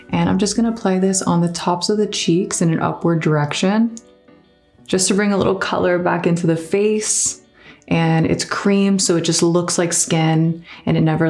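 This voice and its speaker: Low-voiced woman giving a makeup tutorial. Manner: calm, instructive, playfully teasing. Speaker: makeup artist.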